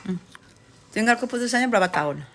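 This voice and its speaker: A woman's voice: fairly high pitch, expressive, fast talker, fairly bright tone, a little hiss or hum. A young adult woman hosts a live stream, chatting casually with viewers and reading their comments in a sassy, teasing way full of slang. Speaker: livestream host chatting with viewers.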